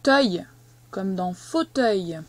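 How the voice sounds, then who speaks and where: A woman teaching a young child to read, speaking slowly and patiently and stressing each syllable as she dictates. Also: medium pitch, animated. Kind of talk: reading and spelling lesson for a young child.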